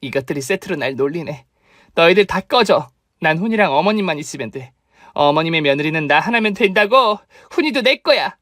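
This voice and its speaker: A woman voicing a scheming, unhinged young sister-in-law in a radio drama, swinging between shrill cursing and pleading. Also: expressive, brisk, fairly bright tone, no room sound, clean studio sound. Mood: defiant. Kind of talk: Korean radio drama acting.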